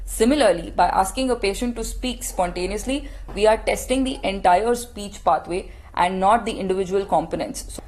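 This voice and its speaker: A woman's voice: medium pitch, darkish tone. A woman lecturing on clinical testing, explaining step by step in a patient teaching tone and asking rhetorical questions.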